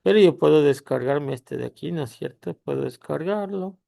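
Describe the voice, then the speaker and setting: Un hombre que presenta un tutorial de software grabado en pantalla. Explica con pausas y remata sus frases con "¿no?". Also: male voice, fairly high pitch, creaky, dry recording, clean studio sound. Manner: halting explanation, pausing with tag questions. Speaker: tutorial host. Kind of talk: screen-recorded software tutorial.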